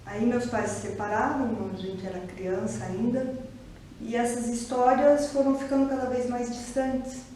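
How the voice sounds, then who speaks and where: A woman from Curitiba, Brazil, with a Brazilian Portuguese accent, giving a reflective personal testimony in an interview, pausing and restarting often. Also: a little high, steady tone, warm tone. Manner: reflective, hesitant, many pauses and restarts. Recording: echoey room, distant mic, faint ambient noise.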